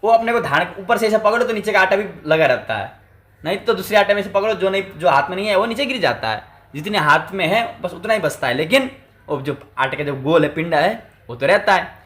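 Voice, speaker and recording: A man giving a lesson who keeps asking and answering his own questions, with slow recitation of old text. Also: on the high side, lively intonation, a bit bright. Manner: recites Sanskrit text slowly. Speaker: Sanskrit teacher. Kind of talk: textbook lecture.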